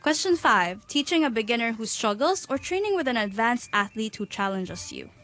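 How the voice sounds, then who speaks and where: A woman hosting a podcast who reads scripted introductions and asks steady questions. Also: a little high, moderate pace, soft background music. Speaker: podcast host.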